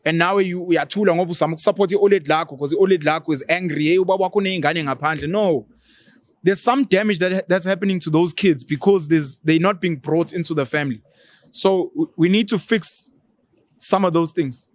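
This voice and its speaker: A man's voice: a little high, fairly quick. A South African man speaking earnestly in casual talk, mixing in quoted speech.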